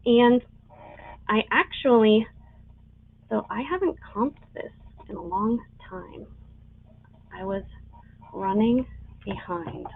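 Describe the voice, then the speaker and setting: A woman's voice: medium pitch, slow, gravelly, pauses often, breathy edge. A woman working as an auctioneer on a live online sale, presenting items and calling bids. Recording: tinny phone-like sound.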